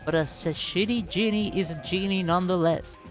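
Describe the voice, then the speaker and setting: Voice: mid-range voice, brisk, faint music behind, close to an everyday voice. Performer putting on a cocky, scheming bully. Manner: cocky, mocking, mangles words. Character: brash, scheming bully who wants a wish.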